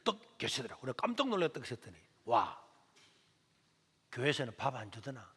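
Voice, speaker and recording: Animated pastor preaching in an echoey hall. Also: male voice, medium pitch, a little fast, husky. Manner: animated storytelling. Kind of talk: sermon.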